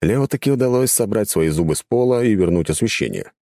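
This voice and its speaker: A man calmly narrating a fantasy audiobook. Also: lowish voice, fast talker, no echo, clean studio sound. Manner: calm, even storytelling.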